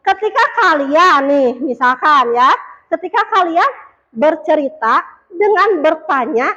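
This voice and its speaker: A woman's voice: high-pitched, expressive, unhurried, sharp tone, dull audio. A woman teacher leading a classroom lesson, asking the pupils questions and repeating their answers.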